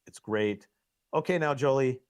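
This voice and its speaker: A middle-aged man giving excitable, coaching commentary on a live pool match, laughing at himself often. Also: medium pitch, a little slow, clear, resonant tone.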